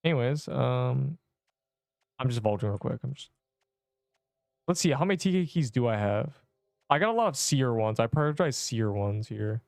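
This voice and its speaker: A young man streaming a game, chatting along in a casual, excitable way with gamer slang. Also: mid-range voice, normal speed, creaky, long pauses, dry recording, studio quality. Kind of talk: casual livestream commentary.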